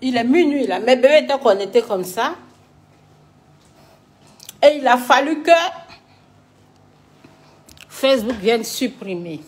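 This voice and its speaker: A woman's voice: a little high, animated, measured pace, long pauses, breathy edge. Agitated woman on a live stream. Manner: agitated and complaining, calls viewers "my babies". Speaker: livestream host. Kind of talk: casual late-night live stream chat.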